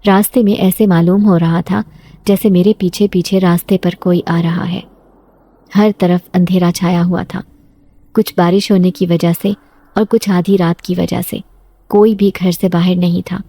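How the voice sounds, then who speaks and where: A woman narrating a scripted first-person horror story in a steady storytelling voice, close to the mic. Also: fairly low pitch.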